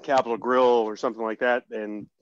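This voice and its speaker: A man's voice: medium pitch, little pitch movement, quick pace, dry recording, muffled recording. A man hosting a casual cooking chat, talking between bites with loose restarts. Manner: chatty, talks while eating, trailing restarts. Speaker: host.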